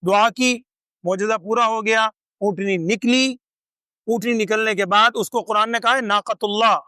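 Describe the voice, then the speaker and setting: An older man giving a Quran commentary lecture to a seated audience, explaining slowly, reciting verses and asking rhetorical questions. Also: high-pitched, fairly even intonation, pushed and bright, clear, resonant tone, no echo, clean studio sound. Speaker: Quran teacher.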